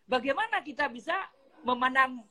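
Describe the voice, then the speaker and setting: A woman with a husky, lively voice that moves a lot in pitch. She speaks as a guest on an online talk, politely laying out her tips one by one. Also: normal speed. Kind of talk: instructional live chat. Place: online video call.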